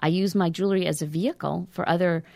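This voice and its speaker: A woman with a New York accent talks as an interview guest in a loose, chatty way and laughs at herself. Her voice sits a little low. The recording is dry and close. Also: steady tone, fast talker, gravelly, darkish tone, dry recording. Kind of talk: casual interview chat.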